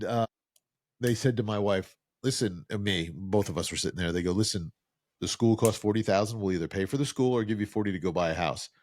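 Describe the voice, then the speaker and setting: A middle-aged New Jersey man with a lowish voice co-hosts a podcast, spinning long, self-mocking stories in casual chat and quoting people in put-on voices. The studio sound is clean, with no echo.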